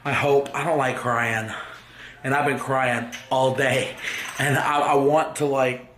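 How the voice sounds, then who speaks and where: A young man speaking on his vlog in a halting, emotional way, fighting back tears. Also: mid-range voice, fairly even intonation, fairly bright tone, slight background noise. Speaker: vlogger. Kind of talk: grieving personal vlog. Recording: roomy echo with faint ambience.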